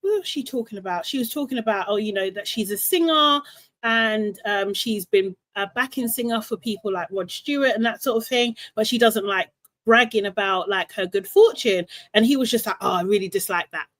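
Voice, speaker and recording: A woman in a casual recap chat, animated and exasperated, breaking into laughs. Her voice sits fairly high and sounds dry and close, with no room around it. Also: moderate pace, no room sound.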